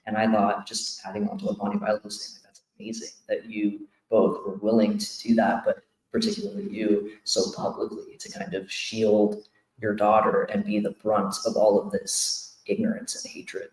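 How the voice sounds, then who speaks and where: Low-voiced earnest male panelist, echoey room. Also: very animated, moderate pace, darkish tone. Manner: earnest, supportive. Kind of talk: casual panel comment.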